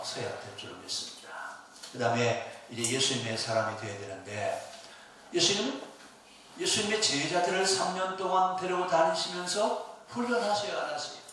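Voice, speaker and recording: A man's voice: on the high side, pushed and bright, a little hiss or hum. A middle-aged male pastor preaching a sermon in a church, telling a story and asking the congregation rhetorical questions. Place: church sanctuary. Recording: echoey church from far off.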